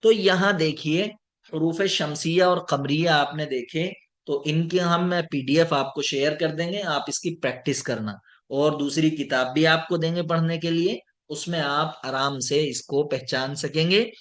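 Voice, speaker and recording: A man teaching an online lesson, slowly drawing out each example word and checking in with his students. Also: fairly high pitch, a bit bright. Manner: slow, deliberate, drawing out example words; checks in with students, addressed as sir. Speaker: Arabic teacher.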